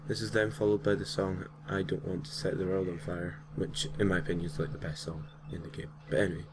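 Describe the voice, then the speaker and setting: A fast-talking man with a low voice and little pitch movement reads over background noise. Hosting and narrating a gaming creepypasta series, he delivers a gaming story from a script in an informal manner with casual, slightly hesitant asides.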